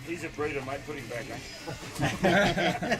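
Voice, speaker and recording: A man's voice: a little high, expressive, a little slow. A man with an Australian accent making casual, teasing, blokey banter. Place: outdoors on a fishing boat. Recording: noisy boat recording, off from mic.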